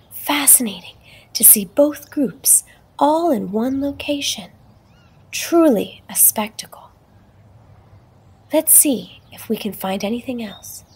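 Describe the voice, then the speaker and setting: Woman, slow and breathy, whispered mock-documentary narrator, deadly solemn. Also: high voice. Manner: hushed, often whispering, solemn and dramatic.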